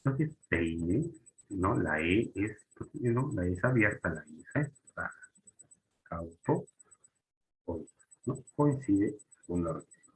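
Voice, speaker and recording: A man's voice: deep voice, expressive, takes it slowly, long pauses, rough recording. A man teaching a grammar lesson, often restarting and checking in with short questions.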